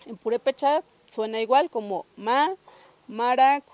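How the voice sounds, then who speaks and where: A woman's voice: fairly high pitch, measured pace, dark tone, no echo. A young woman from Mexico, patiently teaching a pronunciation lesson and repeating each sound several times. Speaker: language teacher.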